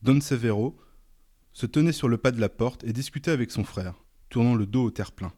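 A man reading a novel aloud in a measured, dramatic narration. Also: mid-range voice, mellow. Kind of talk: audiobook narration.

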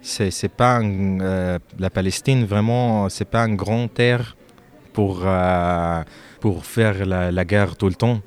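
A man from Lebanon answering interview questions about his music, speaking haltingly with frequent fillers and restarts. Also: deep voice, clean tone.

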